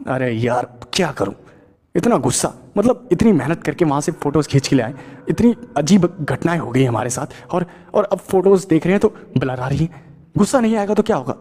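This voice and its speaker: A man voicing an agitated, quick-tempered young village man in a horror audio story, rising in pitch when upset. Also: darkish tone, natural voice. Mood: exasperated.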